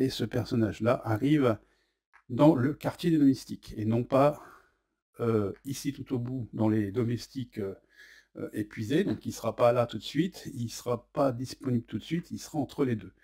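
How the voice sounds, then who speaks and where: French-accented man, casual board game demo host, chatty, halting delivery with lots of fillers, mid-pitched. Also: mellow. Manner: chatty, says "hop" as he flips cards; hesitant, many fillers. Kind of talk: casual unboxing and rules demo.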